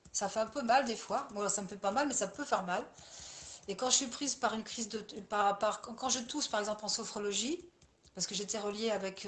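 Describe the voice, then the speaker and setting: A woman's voice: medium pitch, fairly bright tone. A woman coach and therapist talking casually with viewers in a live session, speaking to them by name and often circling back over the same phrases.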